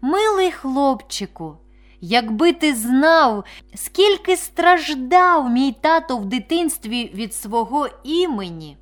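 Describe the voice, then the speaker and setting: A woman voices a kind, middle-aged lady dentist in a children's storybook. She speaks gently and persuasively, with an unhurried pace. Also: high-pitched, animated.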